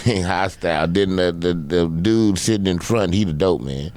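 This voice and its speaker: Lively low-voiced comedian. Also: male voice. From Arkansas. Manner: animated, laughing storyteller acting out quotes. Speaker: guest comedian. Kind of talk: storytelling podcast chat.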